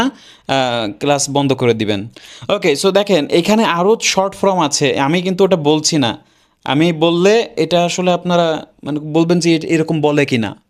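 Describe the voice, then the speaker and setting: Chatty Bangladeshi man teaching pronunciation. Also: fairly high pitch. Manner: chatty, repeats model phrases slowly. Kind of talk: online lesson.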